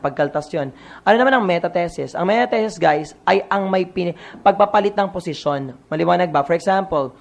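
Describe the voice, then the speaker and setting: A man's voice: sits high, gravelly. A man with a Filipino accent reviewing a Filipino grammar exam as a teacher, asking questions and answering them himself, mixing in English words.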